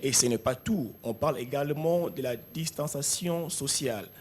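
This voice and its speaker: Man drilling English words slowly. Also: medium pitch, a little hiss or hum. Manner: repeats each word slowly for learners to echo. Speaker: English vocabulary teacher. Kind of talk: classroom drill lesson.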